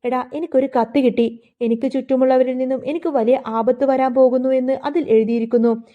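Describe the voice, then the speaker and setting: A woman's voice: high voice, steady tone, fairly quick, phone-quality sound, natural voice. A woman voicing an anxious, suspicious young man who talks in an agitated, defensive way.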